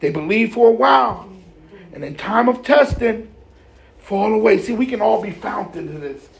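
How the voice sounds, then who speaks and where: A man preaching a lively sermon, getting excited, shouting and laughing as he explains scripture. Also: sits high, moderate pace, creaky.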